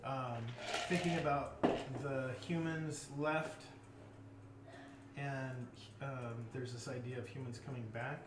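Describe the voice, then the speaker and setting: A man's voice: medium pitch, fairly even intonation, slow pace, far from the mic, very noisy. Man thinking aloud, off-mic. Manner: thinks aloud with many ums and restarts. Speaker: player in a worldbuilding game. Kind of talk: casual group chat. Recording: echoey room, off-mic, with music.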